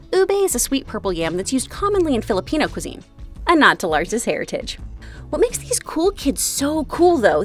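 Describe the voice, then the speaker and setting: A woman with a twangy Texan accent hosting a scripted explainer, chatty and playful with casual asides. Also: fairly high pitch. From Texas, USA. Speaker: video host.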